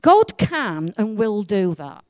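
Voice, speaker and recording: A woman from Wales with a Welsh accent, preaching a sermon in a chatty, self-mocking and lively way. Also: mid-range voice, takes it slowly, no echo.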